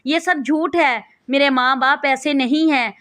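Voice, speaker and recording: A woman's voice: high-pitched, a bit bright, no echo. A woman voicing a spirited young bride in a storybook, with a pleading, insistent reading.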